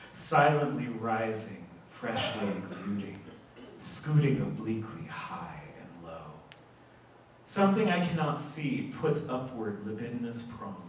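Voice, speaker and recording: A man reading poetry aloud at a group reading, measured and emphatic. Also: medium pitch. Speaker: poetry reader. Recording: echoey hall, mic far off, background noise.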